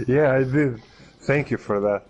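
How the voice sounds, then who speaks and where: A man commentating a racing league, interviewing the winner and laughing often. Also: on the low side. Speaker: esports commentator. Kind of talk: post-race interview.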